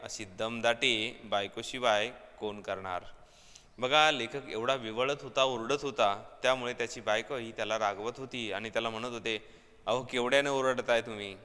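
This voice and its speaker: A man's voice: medium pitch, fairly even intonation, normal speed, bright, forceful tone, long reverb tail. A man teaching a prose lesson, explaining each line emphatically and repeating himself as he paraphrases.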